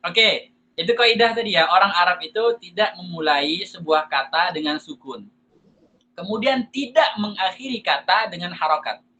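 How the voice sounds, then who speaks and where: An Indonesian man teaching a lesson on Quran recitation, asking and answering his own questions and reciting examples slowly. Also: high voice, bright, forceful tone, slight background noise, rough recording. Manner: slow drawn-out recitation of examples. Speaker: tajwid teacher.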